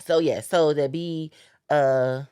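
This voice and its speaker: Talking earnestly about faith and dreams, a young female podcast host repeats phrases for emphasis in a casual faith-based conversation. She speaks slowly in a low, steady, smooth voice with a dark tone and no echo.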